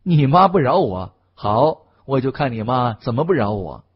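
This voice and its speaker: A man voicing a brash, fearless young male cultivator who talks loudly with a mocking swagger. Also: medium pitch, very animated, moderate pace, slightly rough, lo-fi sound. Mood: teasing.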